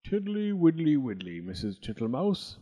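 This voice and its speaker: A man voicing a slow, greedy old male toad in a storybook, repeating little sing-song phrases. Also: a little high, big pitch swings, warm tone, breathy edge. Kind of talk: storybook character voice.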